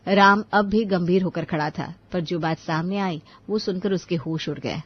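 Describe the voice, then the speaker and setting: A woman narrating a scripted family story in a steady, expressive storytelling voice. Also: fairly low pitch, normal speed, breathy edge, lo-fi sound.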